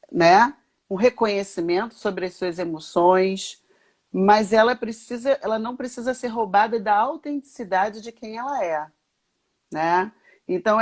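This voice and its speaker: Reflective Brazilian woman, halting speech. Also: mid-range voice, a little mellow. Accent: Brazilian Portuguese. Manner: reflective, halting with many restarts. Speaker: speech therapist for children, guest. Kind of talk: casual conversation.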